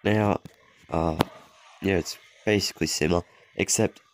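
Talking at a normal speed with fairly even intonation, a young mobile game host rambles over his screen recording, his deep voice a little off from illness. He self-corrects, trails away and chuckles, with faint noise in the background.

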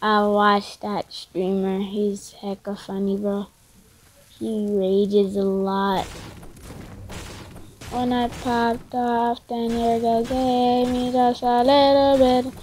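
A woman's voice: a little high, takes it slowly, a little hiss or hum. Stuffy-voiced woman chatting over gameplay. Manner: chatty, excitable, rambling slang. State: stuffy, congested from a cold. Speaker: gaming video creator. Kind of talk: casual gameplay commentary.

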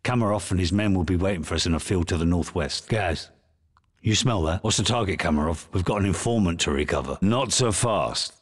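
A man playing a gruff, sardonic British special forces captain in a video game, giving curt military orders in a British accent. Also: low-pitched, fairly quick. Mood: low, dry. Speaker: military commander.

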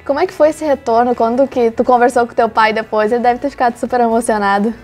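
A woman's voice: on the high side, steady tone, quick pace, darkish tone, faint music behind. Woman interviewer, conversational. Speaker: interviewer, club channel host. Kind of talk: friendly interview questions.

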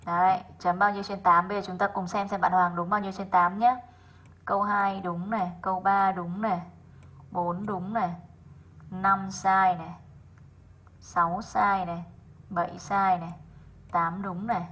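A woman English teacher, going through worksheet answers in an online class, slowing down to sound out each example word and calling on students by name. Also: medium pitch, flat delivery, a bit bright, low-quality recording. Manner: methodical, slows down to sound out example words.

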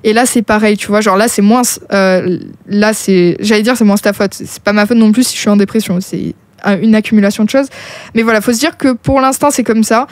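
A woman's voice: mid-range voice, fairly even intonation, a little fast, no echo. A woman hosting a podcast, talking casually and reassuringly as she addresses a listener directly and gives advice. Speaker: podcast host.

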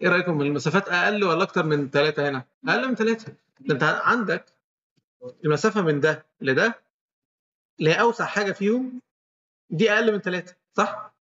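A man's voice: high-pitched, expressive, quick pace, a bit bright, highs cut off. A man with an Egyptian Arabic accent giving a medical lecture, walking students through each step and quizzing them as he goes.

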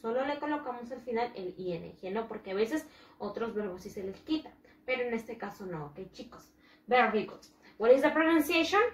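A woman's voice: fairly high pitch, expressive, moderate pace, slight background noise. A woman teaching English to young children in a bilingual lesson, patiently repeating each word with emphasis for the class to echo. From Latin America. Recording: echoey room.

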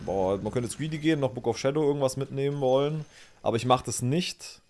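A young man with a darkish, medium-pitched voice talks fast while playing a game, chatting casually with his stream. He thinks out loud and thanks viewers as he goes. He's in a small indoor room, with slight background noise.

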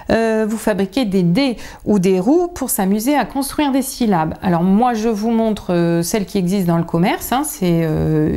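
A woman teaching parents in a casual video lesson, her voice warm and soft-edged at an ordinary middle pitch. She explains patiently and chattily, pausing with frequent fillers as she talks straight to the camera. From France.

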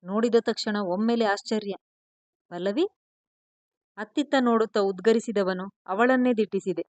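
A woman storyteller narrating a romance in the first person, gentle and emotional. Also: medium pitch, fairly even intonation, fairly quick, no echo.

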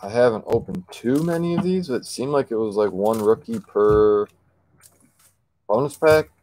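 Ripping open packs during a card break, this lowish-voiced man speaks at a moderate pace over a slight hiss or hum. He chats casually, calls out player names, trips over a few, and shouts when he gets excited.

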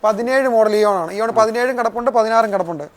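A man's voice: sits high, quick pace, a crowd in the background. A man with a Kerala Malayalam accent who mixes English words into his Malayalam, presenting used cars as a dealer in a casual sales walkthrough.

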